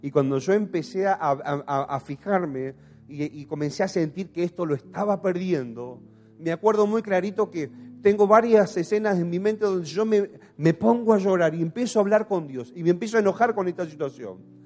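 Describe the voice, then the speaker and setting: This pastor, thirties, speaks with an Argentine Spanish accent and a fairly high, somewhat dark voice at normal speed. He delivers a passionate sermon full of questions for his congregation while faint music plays in the background.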